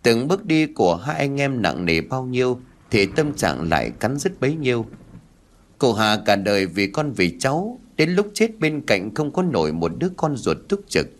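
A man's voice: medium pitch, very animated, normal speed. Guy reading a scary story, dramatic, voice rises and falls a lot. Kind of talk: scripted ghost story narration.

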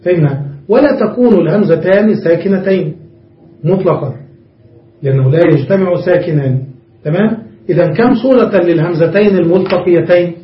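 A man with a fairly high voice leads a grammar lesson, explaining each step and pausing to ask his students whether they follow. He is picked up from across a reverberant room. The recording sounds dull and lo-fi. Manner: explains step by step, often checks understanding with the class. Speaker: Arabic grammar teacher. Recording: roomy, muffled recording from a distance.

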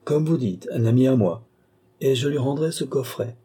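A man's voice: medium pitch, lively intonation, normal speed, mellow, breathy edge, pitched above the performer's own voice. A man voicing a proud, stubborn police chief in an audiobook, indignant and defiant.

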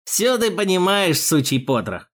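A man's voice: high-pitched, very animated, unhurried, pitched above the performer's own voice, heavily acted. A man voicing a mocking, crude male police thug with a jeering manner in an audiobook. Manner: jeering, sneering, loud.

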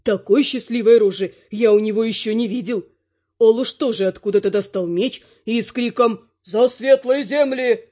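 A woman reads a fantasy audiobook aloud in an even, expressive storytelling voice of middle pitch. The recording sounds slightly dull, with its highs muted. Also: moderate pace. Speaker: audiobook narrator.

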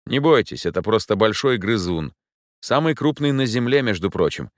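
A man voicing a calm, courteous older professor who speaks in a measured, slightly lofty way. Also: lowish voice, no room sound, clean studio sound, pitched above the performer's own voice, close to an everyday voice. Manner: measured, polite, faintly lofty.

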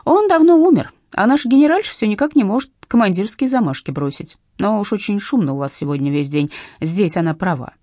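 A small, gossipy old neighbour lady, as a woman narrator puts her on, her voice lifted high and chattering. The reading is dry and close, with a slightly husky edge. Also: expressive, brisk, few pauses, mellow, no room sound, close to an everyday voice.

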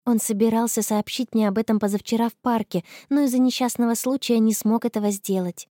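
A woman's voice: fairly high pitch, steady tone, a little fast, mellow, no echo, clean studio sound, close to an everyday voice. A woman voicing a cheerful, dreamy teenage girl in love, gushing as she talks.

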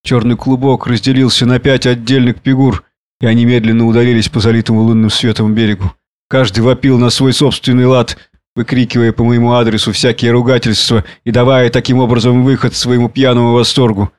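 Casting: male audiobook narrator, steady, mid-pitched storytelling. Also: a little fast, no echo.

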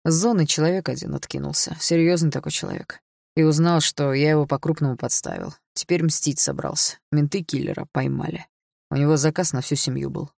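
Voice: mid-range voice, steady tone, brisk, gravelly, darkish tone, no room sound. An audiobook reader voicing a rich, bullying older father who barks orders harshly, in a dry, close recording. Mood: grim. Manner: barking, harsh, commanding. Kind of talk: audiobook character voice.

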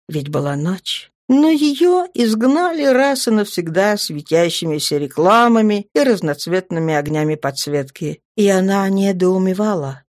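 A woman's voice: mid-range voice, a little mellow, no room sound, clean studio sound. Woman narrating a fantasy audiobook.

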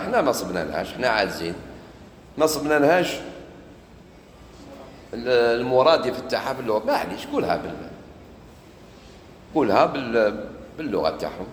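A man with an Algerian Arabic accent gives a Quran commentary lesson in a loose, conversational way, slipping between formal and colloquial speech. His voice sits at an ordinary middle pitch. It rings out through a large, echoey hall with a long tail, over a faint hiss. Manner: conversational, mixes formal and colloquial speech, acts out street dialogues. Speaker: preacher.

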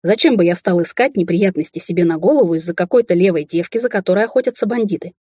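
A woman's voice: on the low side, expressive, fast, mellow, husky, dry recording, studio quality. A woman reading the lines of a hot-tempered young Chinese man, a rich heir, in an audiobook. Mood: angry.

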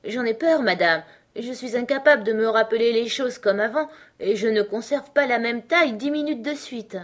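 A woman's voice: a little high, normal speed, pitched above the performer's own voice, natural voice. A woman voicing a timid, polite young girl who talks hesitantly in an audiobook. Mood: earnest. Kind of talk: audiobook character reading.

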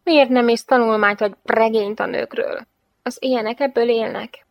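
A woman's voice: a little high, fairly even intonation, gravelly, no room sound, studio quality, pitched above the performer's own voice. A woman voicing a cheeky, self-assured young woman who teases and mocks. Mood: teasing. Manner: teasing, mocking.

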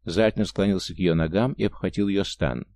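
A man reading a novel aloud as an audiobook narrator, measured and even, close to the mic. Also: sits low, no room sound. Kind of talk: scripted narration.

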